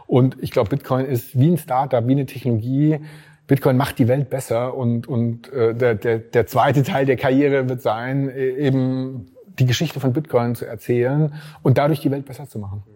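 A man's voice: mid-range voice, steady tone, moderate pace, dark tone. A man from Swabia, a startup investor talking casually as an interview guest, hesitant with many fillers. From Swabia, Germany.

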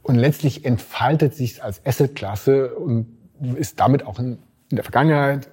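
A man's voice: mid-range voice, normal speed, a little mellow, husky. A man from Swabia, a startup investor talking casually as an interview guest, hesitant with many fillers. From Swabia, Germany.

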